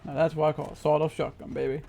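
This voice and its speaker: A man's voice: a little high, flat delivery, rapid-fire, creaky, mellow, a little hiss or hum. A man giving casual, playful and slangy live commentary while he streams a video game.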